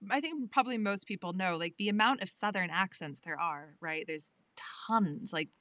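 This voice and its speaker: Bright-voiced woman narrator chatting. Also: mid-range voice, lively intonation, no echo. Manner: chatty, laughs often, quick asides. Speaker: audiobook narrator and guest. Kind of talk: casual interview chat. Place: lives in England.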